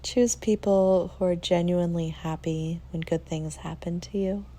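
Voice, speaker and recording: A woman with a fairly low voice and fairly even intonation leads a guided meditation. She speaks softly and soothingly, leaving long pauses between phrases.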